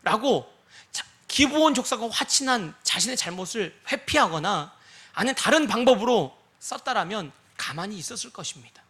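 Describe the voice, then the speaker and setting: A man's voice: high voice, bright, forceful tone. A man preaching a sermon, who keeps putting rhetorical questions to his congregation and acts out the voices he quotes. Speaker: pastor.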